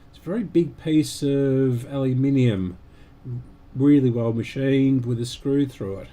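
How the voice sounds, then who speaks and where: A man hosting a repair stream gives unscripted, halting commentary, muttering to himself as he works. His voice is mid-range with a dark tone.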